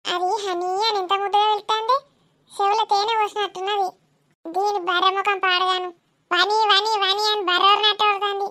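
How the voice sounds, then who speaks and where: A loud, teasing village mother talks in a rustic, scolding way, as a woman acts her out in a comedy skit. Her voice sits very high. She mocks everyone around her. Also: little pitch movement, brisk.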